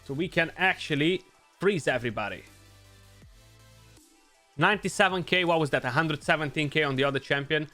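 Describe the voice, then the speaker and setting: A young Romanian-accented gaming YouTuber gives casual gameplay commentary, thinking aloud and often tossing in "you know." His voice is fairly high, bright and forceful, and he speaks briskly with frequent pauses. Faint music plays behind him.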